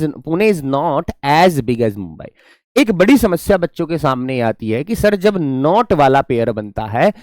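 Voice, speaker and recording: A man teaching a grammar lesson as a tutor. He explains patiently, calls his students "beta" and "my children", and reads the English example sentences slowly. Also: medium pitch, no room sound, studio quality. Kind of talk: classroom-style grammar lesson.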